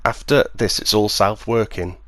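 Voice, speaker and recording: A man speaking as a magician, demonstrating and explaining a card trick step by step in clear, measured phrases. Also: fairly low pitch, steady tone, fairly bright tone, dry recording. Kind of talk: instructional demonstration, patter and explanation.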